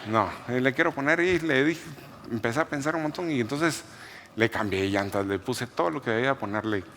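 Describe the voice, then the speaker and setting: A man preaching a sermon as a pastor, with an animated storytelling manner. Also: medium pitch, brisk, a little hiss or hum. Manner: storytelling, animated, laughs while telling. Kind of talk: sermon testimony.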